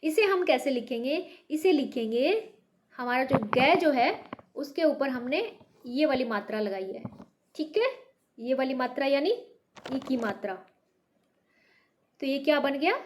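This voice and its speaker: A woman's voice: high voice, animated, unhurried, pauses often, a little hiss or hum. A woman from North India teaching Hindi to beginners, patiently repeating words with stress. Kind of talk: slow beginner language lesson.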